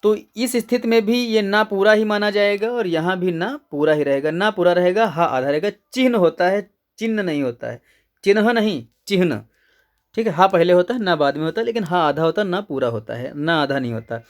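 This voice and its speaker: Male exam-prep teacher, slightly high voice, patient step-by-step explainer who repeats key words. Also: brisk, hardly any pauses. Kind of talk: exam answer-key lecture.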